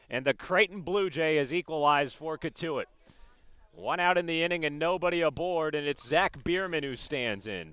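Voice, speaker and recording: A slightly high, somewhat bright, smooth male voice narrates a baseball game live on the radio. He keeps his descriptions of the action short and clipped as each play develops.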